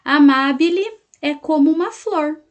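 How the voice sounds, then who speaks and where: A woman teacher with a high-pitched voice explains a lesson to her class slowly, syllable by syllable, checking in often with her students. The sound is lo-fi.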